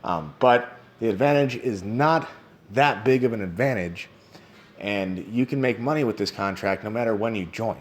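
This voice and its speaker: A man's voice: on the low side, normal speed. A man speaking off the cuff in a casual, conversational explainer style, peppered with "you know". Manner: informal, conversational, frequent 'you know'. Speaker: presenter explaining a crypto project.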